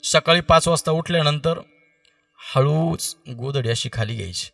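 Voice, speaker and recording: Bright-voiced kirtan preacher telling a story. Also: male voice, a little high, gravelly. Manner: quizzes the audience with quick questions. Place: kirtan gathering. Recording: distant mic with faint music.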